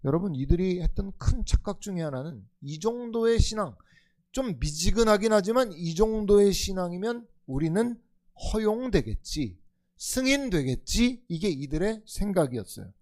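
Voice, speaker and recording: A man preaching a sermon in a high, ringing voice. He shifts between hushed, low asides and intense, forceful declarations, voicing quoted speakers dramatically as he goes. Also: very animated, normal speed. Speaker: pastor. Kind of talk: expository sermon.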